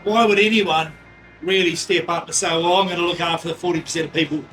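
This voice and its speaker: A New man hosting a loose interview, asking teasing, prodding questions. His voice is notably high for a man, with faint music underneath. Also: steady tone, fast talker, low-quality recording. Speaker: host. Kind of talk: casual interview chat.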